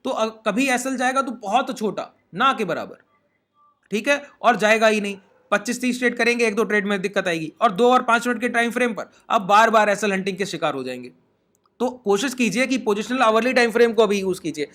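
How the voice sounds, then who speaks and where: A man's voice: high-pitched, lively intonation, brisk, sharp tone. A man giving a step-by-step trading lesson, often checking in with his listeners. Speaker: trading teacher. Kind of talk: screen-share trading lesson.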